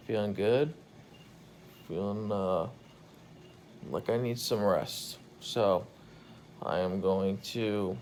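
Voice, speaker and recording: A man in his thirties records a casual video diary as a patient in a hospital room, holding the phone at arm's length. After intubation his voice is hoarse, gravelly and croaky with a darkish tone, and he sounds tired, low-key and relieved. There is slight background noise.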